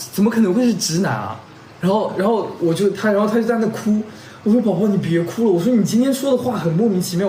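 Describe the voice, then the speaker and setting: Brief: young man, high-pitched and quick, rambling casual storyteller. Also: darkish tone, a little hiss or hum. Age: young adult. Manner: rambling, strings clauses with "and then", checks in with listeners. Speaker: vlogger telling a couple story. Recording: roomy echo.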